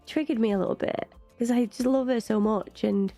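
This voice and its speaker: A woman's voice: on the high side, a little fast, dark tone, faint music behind. A British woman hosting a reaction video, chatty and opinionated, often filling her talk with "like". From Britain. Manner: chatty and opinionated, with frequent "like" fillers. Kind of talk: casual reaction commentary.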